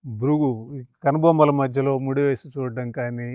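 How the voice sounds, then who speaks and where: Calm man teaching scripture, dry sound. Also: mid-range voice, smooth, no echo, muffled recording. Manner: calm, measured, chants verses slowly. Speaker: spiritual teacher. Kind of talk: explanatory lecture on scripture.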